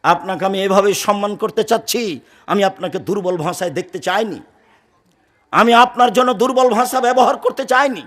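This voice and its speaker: A man preaching a Friday sermon, forceful and firm, swinging from loud declaiming to low murmurs. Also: moderate pace. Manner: speaks firmly and loudly by habit.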